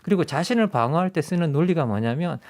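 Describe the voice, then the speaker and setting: Man with a lively pitch, explaining on radio. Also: fast talker. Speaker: guest commentator. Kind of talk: radio current-affairs discussion. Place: radio studio.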